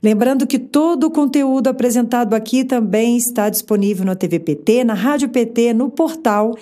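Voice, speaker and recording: A woman's voice: fairly high pitch, moderate pace, warm tone. A Brazilian woman hosting a news podcast, reading scripted links between clips. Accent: Brazilian Portuguese. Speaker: news host.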